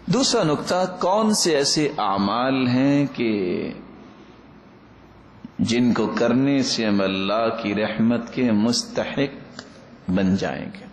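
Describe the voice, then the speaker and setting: A man preaching a sermon at a medium pitch, his voice swelling with fervent emphasis and breaking into melodic chanted quotations. The sound rings around a roomy, echoing space with a faint hum of ambience underneath. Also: animated, pauses often. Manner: impassioned, rising emphasis with chanted Arabic quotations.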